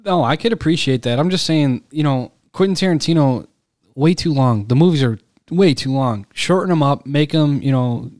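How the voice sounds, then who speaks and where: A man's voice: a little high, normal speed, a little mellow, no echo, studio quality. A young man in casual chat, blunt and opinionated, swearing freely.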